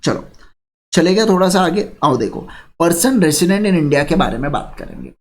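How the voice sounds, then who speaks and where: Lively tutor man drilling students. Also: on the high side. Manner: lively, repeats phrases, urges students to answer quickly. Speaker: online exam tutor. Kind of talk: energetic Hindi lecture with call-and-response.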